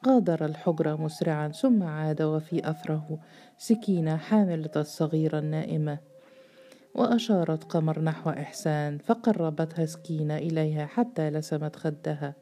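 A woman narrating a novel aloud in a measured, steady storytelling voice. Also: low-pitched, slight background noise.

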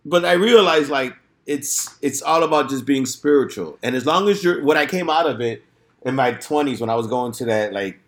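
A man with a clear-cut, bright voice tells stories in a loose, streetwise way. His talk is casual and full of swearing and slang. The room around him echoes. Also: medium pitch, expressive, normal speed. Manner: streetwise slang, peppered with "bro" and "dude". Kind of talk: casual profane storytelling. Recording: roomy, echoing room sound.

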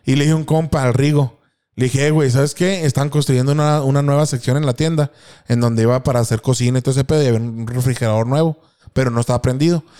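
A man's voice: mid-range voice, steady tone, fast, mellow, smooth. A young man with a Mexican accent telling a story in casual, slangy podcast chat, laughing and acting out what people said. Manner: slangy, laughing, acts out quotes. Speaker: podcast co-host.

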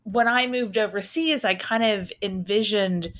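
Unhurried and medium-pitched, a bit bright in tone, this American podcast host in middle age spins chatty travel stories. She meanders, restarting and tossing in asides.

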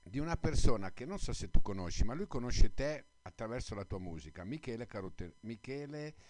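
A male radio host with a Neapolitan accent and a mid-pitched voice. He chats casually and effusively with his guests, often doubling words to stress them. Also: animated, fairly quick, a little mellow. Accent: Neapolitan Italian. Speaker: radio host interviewing musicians. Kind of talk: casual live radio interview.

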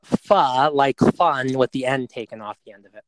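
A man's voice: medium pitch, steady tone, brisk, no echo. Laid-back man co-hosting a podcast. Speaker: podcast co-host. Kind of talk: casual chat.

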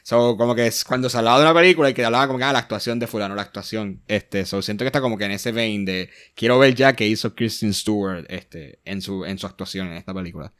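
A man, chatting casually about film as a podcast co-host, relaxed and mixing English words into his Spanish. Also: on the low side, fast, few pauses.

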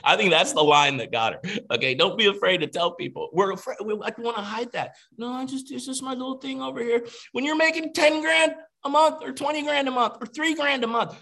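A man coaching his team in an energetic, casual motivational training over a video call. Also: very high voice, a little fast, creaky, hardly any pauses. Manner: energetic, emphatic, casual, repeats "you gotta".

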